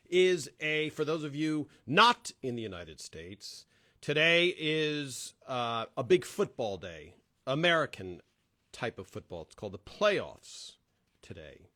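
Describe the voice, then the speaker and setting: A man's voice: medium pitch, big pitch swings, slow, bright, forceful tone. A man hosting a casual live-stream chat for fans, greeting viewers by name with lots of fillers, into a plugged-in microphone. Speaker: host of a live fan stream.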